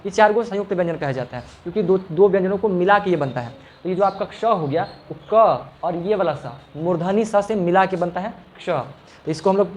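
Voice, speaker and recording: A man's voice: high-pitched, a little mellow, a little hiss or hum. A male teacher giving a classroom lesson, patiently explaining and repeating each sound for the students. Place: classroom with a fan running.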